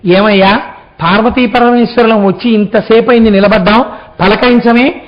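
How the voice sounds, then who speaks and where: Male preacher doing a god scolding in mock anger; high male voice, lo-fi sound. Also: fairly even intonation, normal speed, lightly acted. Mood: mock-angry. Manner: mock-angry, chiding. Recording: dull lo-fi recording.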